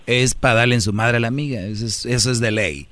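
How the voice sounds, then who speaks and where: A man's voice: mid-range voice, quick pace, a bit bright, no room sound. A man from Monterrey hosting a radio call-in show, giving blunt, teasing advice. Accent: northern Mexican. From Monterrey, Mexico. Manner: blunt, teasing, repeats callers' nicknames. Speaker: radio show host taking calls. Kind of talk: casual call-in advice talk.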